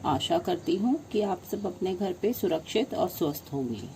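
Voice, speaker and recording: A woman's voice: fairly low pitch, animated, normal speed, warm tone, a little hiss or hum. A woman teaching young children in an online class, patiently sounding out letters one syllable at a time and calling them by affectionate names. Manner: affectionate, calls the children "beta". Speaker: primary school Hindi teacher.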